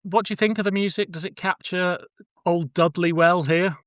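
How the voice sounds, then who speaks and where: A male podcast host with a high, fairly bright voice chats casually through a review at a moderate pace, keeping a fairly even intonation. He thinks aloud and hedges his points. The studio sound is clean, with no echo.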